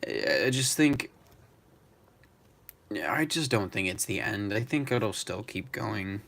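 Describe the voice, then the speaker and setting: A young man live streaming, talking in a rambling, halting way with many restarts. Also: on the low side, expressive, creaky, fairly bright tone. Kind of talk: emotional live-stream tribute chat.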